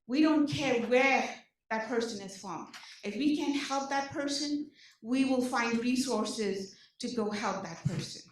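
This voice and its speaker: Speaking at a measured pace in a slightly high voice, an Indian-accented woman presents a nonprofit program to a room of service providers. She keeps asking rhetorical questions and checking in with "okay?", and the distant mic picks up hall echo and slight background noise.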